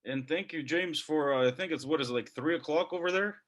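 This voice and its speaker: A man's voice: fairly high pitch, brisk. A man from Ukraine, hosting a casual video meeting and passing the turn to others. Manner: friendly, laughs easily, guides turns. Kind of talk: casual chat. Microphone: video call.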